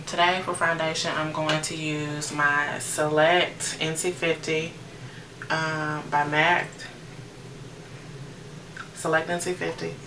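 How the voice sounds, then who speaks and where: A low-voiced American beauty vlogger in her late thirties gives a casual, chatty makeup tutorial, speaking informally and directly to viewers. The distant mic captures a roomy sound with noticeable background noise.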